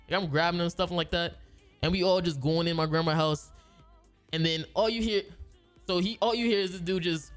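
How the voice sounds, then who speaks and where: A man's voice: high voice, fairly bright tone. A man who makes gaming videos tells a long story casually, rambling with slang and restarting his sentences.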